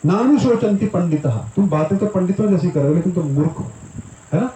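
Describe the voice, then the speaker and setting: A man with a high, mellow voice leads a devotional scripture class, chanting verses slowly before explaining them in chatty Hindi. He keeps turning to his listeners with questions. The room rings with echo. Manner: asks the audience questions, acts out little voices. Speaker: Gita teacher. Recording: roomy echo, faint hiss.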